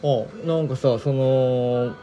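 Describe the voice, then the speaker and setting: A man co-hosting a chat, telling an animated story and acting out quoted lines in a rough voice. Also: medium pitch, slow pace, highs cut off, faint music behind. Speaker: podcast co-host.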